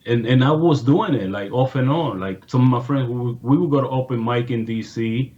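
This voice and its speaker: A man who works as a music producer, a guest on a podcast, talking in an earnest, relaxed way in casual chat. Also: medium pitch, moderate pace, dull audio.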